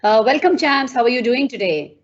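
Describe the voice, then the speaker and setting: A woman's voice: a little high, expressive, a little fast, muffled recording. A woman hosting an interview over a video call, effusive and full of fillers. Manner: warm, effusive, frequent fillers. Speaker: host.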